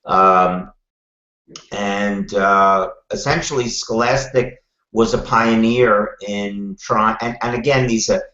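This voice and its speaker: An older man with a Brooklyn accent speaks as an interview guest, answering conversationally in a wry, deliberate way. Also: lowish voice, fairly even intonation, sharp tone. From Brooklyn, New York, USA. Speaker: guest, television producer. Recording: roomy, slightly muffled call audio.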